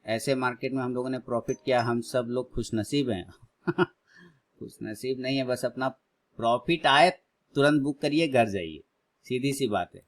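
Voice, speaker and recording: A man in his thirties hosting a live trading stream, chatting casually with viewers and loudly urging prices on. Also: mid-range voice, moderate pace. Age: 30s. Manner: excitedly cheers prices on, then chats calmly with viewers.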